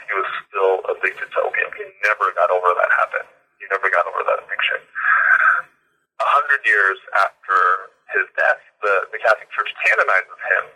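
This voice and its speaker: A man with a lowish, sharp, slightly rough voice is interviewed as an author in a conversational setting. He explains things thoughtfully, using frequent fillers and repeating words. The audio quality is poor.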